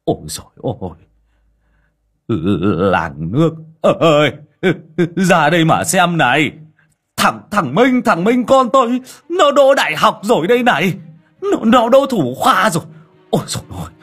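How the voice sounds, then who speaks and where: A man voicing a stingy, hot-tempered old coal porter who shouts, curses and stammers. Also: low-pitched, expressive, normal speed, long pauses, husky, faint music behind, heavily acted. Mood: ecstatic.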